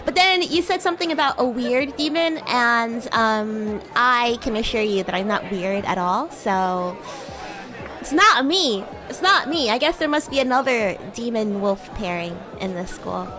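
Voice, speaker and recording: Over music, a VTuber streamer improvises a roleplay in livestream chat, playing a bratty demon schoolgirl classmate. Her voice is a little high, expressive and a little slow, and she teases and giggles playfully.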